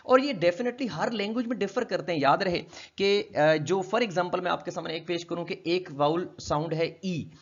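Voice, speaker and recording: A high-voiced linguistics lecturer explains a textbook chapter on phonetics in a recorded lecture. He asks and answers his own questions and demonstrates sounds slowly, all captured in a dull, lo-fi recording.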